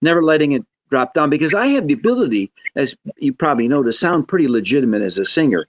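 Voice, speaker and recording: A man in his seventies, a guest musician telling stories in a podcast interview in an animated, joking way. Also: quick pace, a little hiss or hum. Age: 70s. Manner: animated, joking, wide swings in pitch.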